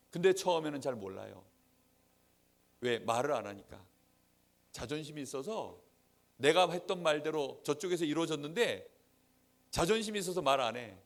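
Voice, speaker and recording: A man preaching a sermon to young people in church, acting out quoted friends and swinging between loud emphatic lines and soft asides. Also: on the high side. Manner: acts out quoted friends in dialogue. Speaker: Sunday school preacher.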